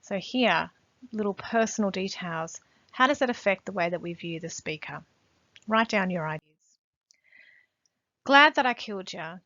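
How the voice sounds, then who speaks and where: A woman teacher giving a poetry lesson, pausing often with fillers and reading quoted lines with more force. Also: medium pitch, a bit bright, dry recording. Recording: dull, slightly muffled recording.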